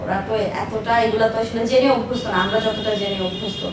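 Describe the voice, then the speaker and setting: A business owner in her thirties, appearing as an interview guest, tells personal stories from her life, speaking emphatically and repeating herself for stress. Her voice is a little high and fast with fairly even intonation. The room is echoey, the mic distant, and there's faint noise.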